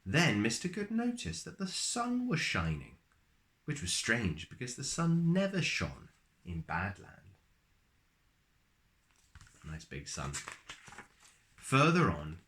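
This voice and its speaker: A man with a mid-range voice reads a children's picture book aloud. Like a storyteller, he reads expressively, pausing for drama and lengthening certain words.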